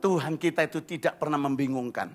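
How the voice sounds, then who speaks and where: A male pastor, preaching an energetic, humorous sermon sprinkled with slang. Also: a little high, quick pace, faint music behind.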